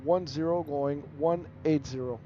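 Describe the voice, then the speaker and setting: A man acting as an airline pilot on a cockpit headset, reading back clearances in crisp, clipped radio phraseology and calling out takeoff checks. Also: a little high, steady tone, measured pace, dark tone, dull audio. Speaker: flight simulator player acting as airline pilot.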